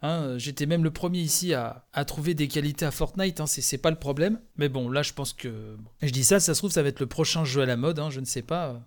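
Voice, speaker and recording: Male host, somewhat high voice, casual live reaction commentary, rambling with fillers. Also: fast, few pauses. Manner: chatty, hesitant, many fillers.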